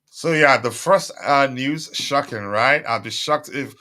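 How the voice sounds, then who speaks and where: A man hosts a casual live stream, talking a little slowly in a medium-pitched voice with a sharp tone. Chatty and heavy on fillers, he reads viewer comments and repeatedly asks for likes. His voice carries a little strain and seems to be recovering.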